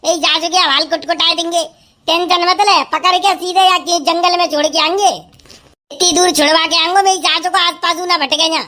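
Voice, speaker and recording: A woman performing a village comedy sketch, talking loud and bantering. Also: extremely high pitch, fairly even intonation, normal speed.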